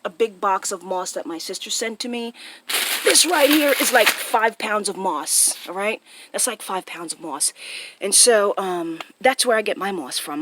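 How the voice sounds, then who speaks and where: With a medium pitch, fairly bright tone and a little hiss or hum, a woman with a Jamaican accent delivers a casual, unplanned explainer on her phone. The online video host often checks in with viewers through short tag questions.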